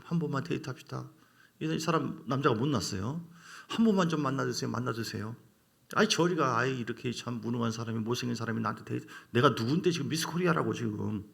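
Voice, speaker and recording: A middle-aged man preaches a sermon with a gravelly edge to his voice. His pitch leaps and dips all through, moving from hushed lines to sudden loud cries. He sits at an ordinary pitch for a man. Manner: animated preaching, swinging from quiet to loud exclamations. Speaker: pastor.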